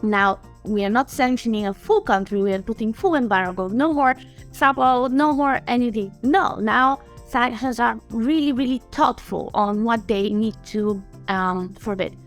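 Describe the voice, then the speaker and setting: Chatty woman, fairly high voice. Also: normal speed, faint music behind. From Bulgaria. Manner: animated and chatty, laughs often. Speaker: guest, sanctions compliance specialist. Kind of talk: interview answers.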